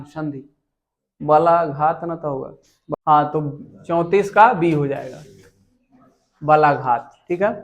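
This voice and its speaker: A young man teaches in a high voice. He reads each exam question slowly and repeats it before giving the answer.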